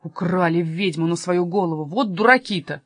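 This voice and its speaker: A woman's voice: on the low side, moderate pace, no echo. Gloomy, worried robber man, read by a woman, dry close sound. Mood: glum. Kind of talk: storybook reading.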